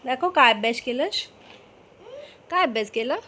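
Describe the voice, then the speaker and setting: High-voiced mother coaxing her toddler. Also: expressive, normal speed, sharp tone. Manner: coaxing, sing-song questioning. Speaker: vlogger and mother. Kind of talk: casual talk to a toddler.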